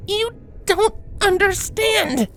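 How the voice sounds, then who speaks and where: Man falsetto as an earnest young unicorn mare. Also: lively intonation, takes it slowly, a bit bright, slight background noise, full character voice. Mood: insistent. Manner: high falsetto, pleading and insistent. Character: young female unicorn princess, earnest, strained.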